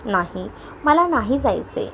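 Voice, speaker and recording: A woman's voice: on the high side, sing-song, a little slow, slight background noise. A woman voicing a moody, stubborn young wife in a read-aloud audio story, irritable and close to tears. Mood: sulky. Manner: sulky, irritable, tearful.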